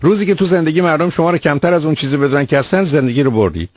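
A man's voice: a little high, dry recording. A man hosting a radio call-in show, giving direct, lecturing advice with pointed rhetorical questions to a caller. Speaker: radio psychologist host. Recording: muffled radio broadcast audio.

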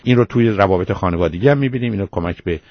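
Low-pitched guy giving advice on call-in radio, dry close sound, bit muffled. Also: no echo. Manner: calm, reasoning, lists points in order.

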